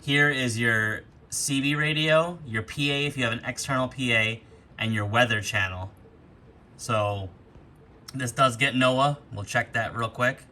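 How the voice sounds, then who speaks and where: A man demonstrates radio gear in an informal, hands-on product walkthrough, talking through each step at an unhurried pace. His voice sits mid-range and sounds pushed and bright, recorded in an attic where rain outside adds background noise.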